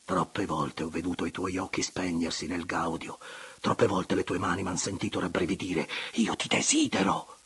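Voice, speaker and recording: A man's voice: deep voice, flat delivery, moderate pace, breathy edge, pitched below the performer's own voice, full character voice. A man voicing a wounded young nobleman, intense and pressing, who speaks with bitter ardor. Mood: ardent. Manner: intense, pressing, rising to sharp outbursts.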